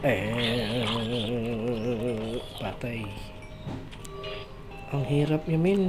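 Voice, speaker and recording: A gamer with a stuffed-up, chesty voice from a lingering cold drawls through casual mobile play commentary. They stretch out calls to the monsters in a slow singsong. Loud game music plays steadily underneath. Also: mid-range voice. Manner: calls out to mobs in a drawn-out singsong. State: congested from a cold, chesty cough. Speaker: mobile gameplay streamer. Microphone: phone.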